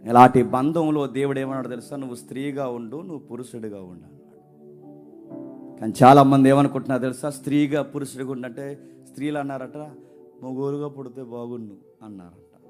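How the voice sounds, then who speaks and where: A man preaching a sermon in an emphatic way, asking rhetorical questions and swinging between loud declarations and hushed asides. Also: mid-range voice, steady tone, brisk, faint music behind.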